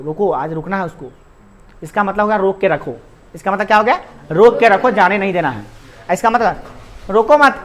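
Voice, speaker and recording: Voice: medium pitch, a bit bright. Give me an adult grammar teacher with a mid-range voice, lecturing a class and answering their own questions. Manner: asks questions and answers them, code-mixes English words.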